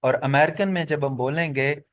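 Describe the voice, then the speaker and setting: A man teaching pronunciation in a classroom-style explanation. He moves through each example deliberately and repeats every vowel sound several times. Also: on the high side, fairly bright tone, no room sound. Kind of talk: classroom explanation mixing Hindi and English.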